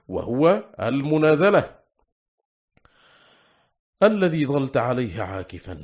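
A man reading a classical Arabic book aloud as an audiobook, slowing down to recite quoted verses and phrases. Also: mid-range voice, a little mellow. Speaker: audiobook reader. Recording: slightly dull, lo-fi recording.

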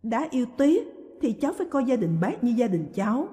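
A woman reading a calm, polite grown son. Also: a little high, a little fast, pitched above the performer's own voice. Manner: calm, deferential. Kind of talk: audiobook reading. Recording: long hall reverb.

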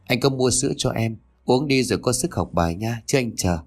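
A man's voice: mid-range voice, expressive, brisk. A man voicing a firm, protective young man in a read-aloud story. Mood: gentle.

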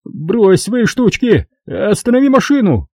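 A man reading an audiobook, voicing a fat, greedy, pompous middle-aged notary with a shrill, squealing manner. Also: very animated, a little slow, mellow, no echo, studio quality, exaggerated voice. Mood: panicked, shrieking. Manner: condescending and grasping.

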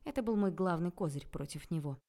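A woman narrating a first-person audiobook in a lively, ironic storytelling manner. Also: fairly low pitch, fairly quick.

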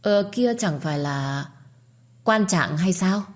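A woman voicing a flustered older village father in a storybook, calling out loudly and in a fluster. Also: on the low side, animated, moderate pace, slightly rough. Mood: baffled. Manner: shouting, flustered.

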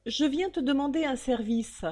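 A woman's voice: high voice, normal speed, mellow, voice pushed up, lightly acted. A woman voicing a trembling young countess who pleads breathlessly with her father in a storybook reading. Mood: pleading.

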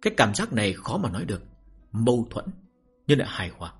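A man, the channel's host, reading a novel aloud in a calm, measured way. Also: on the low side, husky, faint music behind. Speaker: story reader and channel host. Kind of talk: scripted novel narration.

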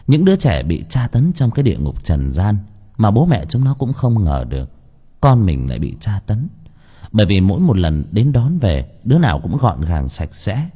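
A man narrating an audiobook story in an expressive storytelling manner. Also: lowish voice, moderate pace, breathy edge.

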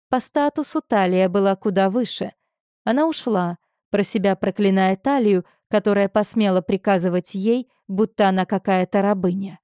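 A woman's voice: mid-range voice, dark tone, dry recording. Woman narrating an audiobook, dry and close.

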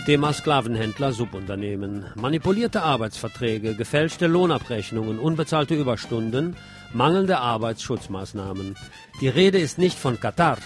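Reading from a script, this male newsreader sounds emphatic and a bit wry, animated and moving at a moderate pace. His voice is at a typical male pitch, set against clearly audible drum and guitar music.

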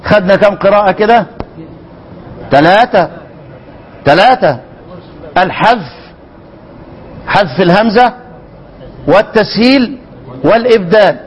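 A man with an Egyptian Arabic accent teaching Quran recitation in a lecture, repeating words slowly as examples and quizzing his students. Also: high voice, lively intonation, slightly rough, rough recording.

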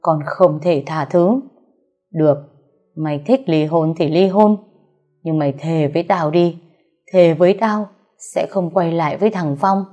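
A bitter older mother who scolds in a cold, blunt voice, as a woman narrator puts her on. The voice sits low and mellow, with soft music faint underneath. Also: unhurried. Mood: stern.

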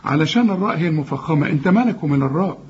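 A man with an Egyptian accent teaching Quran recitation rules, drawing out example words slowly, correcting and repeating them. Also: on the high side, lively intonation, slight background noise. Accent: Egyptian Arabic. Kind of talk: tajweed lesson with recited examples. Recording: muffled lo-fi recording.

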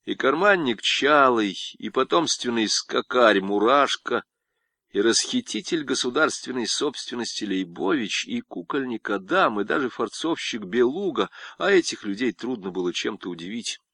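A man narrating a literary audiobook with expressive, lively intonation. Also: mid-range voice, moderate pace, no echo, clean studio sound.

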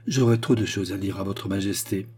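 A jealous, furious young nobleman, read by a man narrating an audiobook. His low, dark voice carries intense, barely restrained accusation. The tone is husky and heavy. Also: fairly quick. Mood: brooding. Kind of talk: audiobook character reading.

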